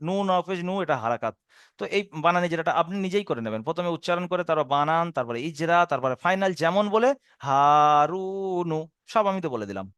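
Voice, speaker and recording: A man teaching a Quran reading lesson. He draws out the Arabic syllables slowly, then explains the rules quickly, with a Bengali accent. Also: high voice, a bit bright, clear, resonant tone, no room sound, studio quality. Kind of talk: spelling out Arabic letters in a recorded lesson.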